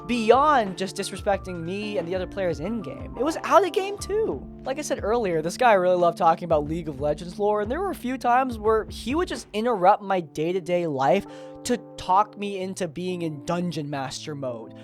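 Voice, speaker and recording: A man hosting a tabletop gaming tips video, talking in a candid, expressive and self-deprecating way. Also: high voice, normal speed, faint music behind. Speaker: YouTube RPG tips host. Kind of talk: casual talking-head commentary.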